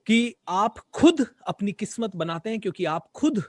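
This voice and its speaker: High-voiced enthusiastic male interviewer. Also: expressive, moderate pace, a little mellow, dry recording. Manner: enthusiastic, emphatic. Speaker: interview host, motivational program. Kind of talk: interviewer, Hindi-English mix.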